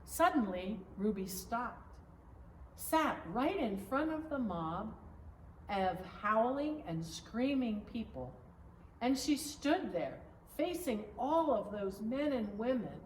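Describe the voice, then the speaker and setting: The speaker is a woman pastor telling a children's story aloud, her voice high, expressive and carefully paced. Background noise and a roomy echo come through, since the mic sits far away.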